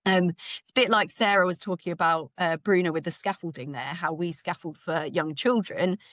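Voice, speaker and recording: Chatty British woman, slightly hoarse. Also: fairly low pitch, normal speed, fairly bright tone, dry recording. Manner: chatty, informal, with light laughs. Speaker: conference speaker, ministry leader. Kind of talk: conference talk.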